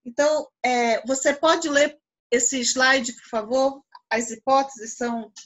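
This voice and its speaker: A woman's voice: sits high, fairly even intonation, slow, fairly bright tone, a little hiss or hum. A Brazilian Portuguese woman teaching philosophy over a video call, explaining patiently and checking understanding often. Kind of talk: live online class.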